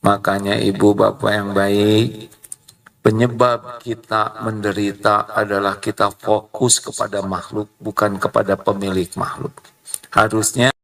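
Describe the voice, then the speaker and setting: Middle-aged male preacher, gravelly edge, heard from a distance off the mic. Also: a little slow. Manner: lively, swings high for emphasis and imitation. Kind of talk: sermon.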